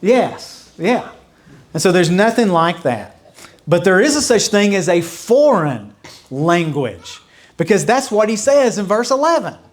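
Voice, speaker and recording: A fairly high-voiced man teaching a church Bible study as its pastor. He talks in a loose, conversational way, circling back to repeat his points and adding asides. At times he drops into babbling imitations that fade away. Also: big pitch swings, a little slow. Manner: conversational, explains with repetition and asides; mimics mocking babble with fading repeats.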